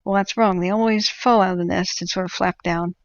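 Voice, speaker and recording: A woman's voice: mid-range voice, fairly even intonation, fairly quick, dry recording, dull audio. A woman hosting a livestream, chatting casually and explaining things to viewers in an opinionated, emphatic way. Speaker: livestream host.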